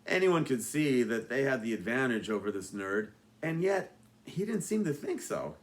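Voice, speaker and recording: An author reads his own novel in a mid-pitched male voice. He tells the story with dry, deadpan humor. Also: moderate pace. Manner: wry, deadpan asides. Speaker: author reading his book. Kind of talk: audiobook narration.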